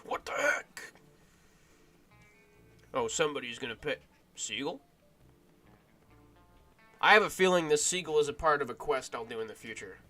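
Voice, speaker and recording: A man streamer giving goofy, rambling gaming commentary with bursts of shouting, with game music faint behind. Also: medium pitch, expressive, very fast, hardly any pauses.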